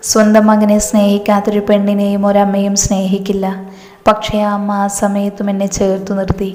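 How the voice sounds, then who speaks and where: An earnest, affectionate young wife comforting her mother-in-law, voiced by a woman narrator. She speaks with a flat, even pitch. The room echoes with a long hall-like tail. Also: normal speed, faint music behind, close to an everyday voice. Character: kind young daughter-in-law, warm and grateful.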